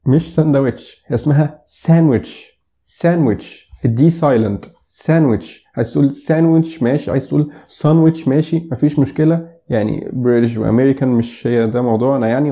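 Young Egyptian man, quick and playful lesson host, very dark mellow tone, drills each word slowly. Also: mid-range voice. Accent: Egyptian Arabic. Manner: joking, playful asides; repeats words slowly to demonstrate. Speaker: English pronunciation teacher. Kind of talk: casual video lesson.

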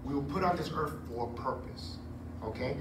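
A man in his forties preaching a sermon on a church stage into a handheld mic, chatty and animated with joking asides. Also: medium pitch, brisk, distant mic. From Puerto Rico heritage. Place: church stage with curtain backdrop. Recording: echoey room, recorded from afar, noisy.

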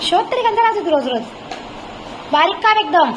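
A woman's voice: very high voice, expressive, fairly quick, a bit bright, a little hiss or hum. A woman home vlogger chatting casually in her kitchen and playfully scolding her pet.

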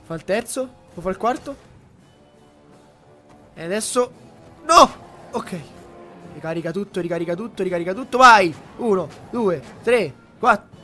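A young man narrates his own boss fight in a high, bright voice. He swings between mutters and shouted bursts, repeating words over and over and swearing. Faint music plays behind him. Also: expressive, normal speed, long pauses. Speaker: gamer commentating his own play. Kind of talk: live gameplay commentary.

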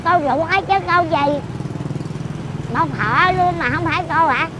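A woman's voice: very high voice, unhurried, noisy background. A woman in her eighties chatting casually outdoors, blunt and teasing as she scolds the person she talks with. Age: 80s. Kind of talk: casual chat.

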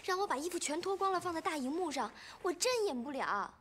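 Defiant young newcomer, high voice. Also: female voice, expressive, fast talker, fairly bright tone, a little hiss or hum. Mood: pleading. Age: young adult. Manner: stubborn, defiant. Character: young newcomer actress refusing a scene. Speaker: newcomer actress. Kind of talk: film drama acting.

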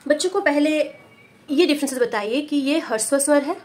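A woman with a high voice teaches a Hindi lesson for parents of young children. She talks patiently and steadily, repeats key words slowly and keeps checking in with "okay" as she goes. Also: darkish tone, soft background music. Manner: patient, repeats key words slowly, says "ठीक है" often, mixes English words. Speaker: preschool teacher.

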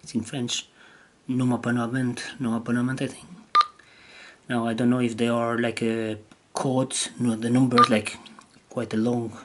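Sitting at a wooden table indoors, an amateur radio hobbyist shows off his gear in a casual, unscripted demo, thinking aloud hesitantly in halting phrases. He is a man who isn't a native English speaker, with a mid-range voice and a level tone, and the handheld camera audio is clear but picks up background noise.

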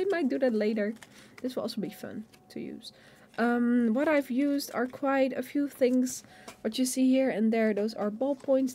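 A stationery vlogger with a mellow, slightly high voice talks casually through her pens and notebook from a home desk. She stumbles through plenty of fillers and restarts in this show-and-tell. The mic is on an overhead camera above the desk.

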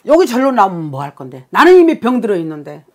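A woman's voice: medium pitch, very animated, fast. Blunt, scolding woman shaman. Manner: scolding, swearing, emphatic with rising outbursts. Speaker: shaman fortune-teller. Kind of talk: blunt consultation reading.

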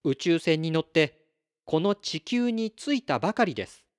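A man voicing a polite, clever boy from a star in a storybook read-aloud, speaking formally and calmly. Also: a little high, normal speed. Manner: formal, courteous, calm.

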